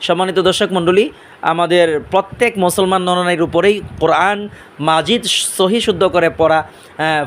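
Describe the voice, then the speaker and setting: Guy, teaching arabic letters one by one, drags out every sound. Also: sits high. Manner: slow, drawn-out drill of letter sounds; explains mouth positions step by step. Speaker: Quran recitation teacher. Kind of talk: Arabic pronunciation lesson.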